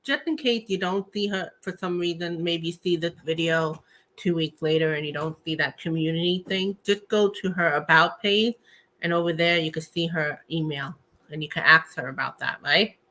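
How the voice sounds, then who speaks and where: A woman's voice: on the low side, normal speed, bright, forceful tone, low-quality recording. A woman hosting a show in a casual, conversational, slightly rambling chat style. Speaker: host of a tarot and spirit talk show.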